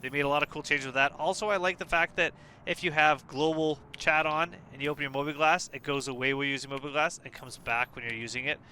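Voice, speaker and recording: A tired man casually walking through a game update, relaxed and hesitant, with many fillers and restarts. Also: on the high side, fast, a little hiss or hum. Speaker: gaming video creator. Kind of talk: casual gameplay walkthrough.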